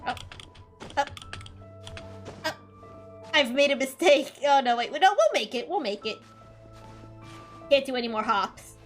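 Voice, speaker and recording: A woman streams a game with casual, mouthy commentary. Her voice is high and swings widely, though she takes her time. She keeps up playful trash talk. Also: animated, measured pace, pauses often, soft background music.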